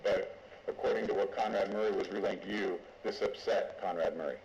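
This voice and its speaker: A man questioning a witness as a lawyer in court, deliberate and halting, going step by step. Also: low voice, steady tone. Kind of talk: formal courtroom examination. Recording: echoey, dull courtroom audio with noise.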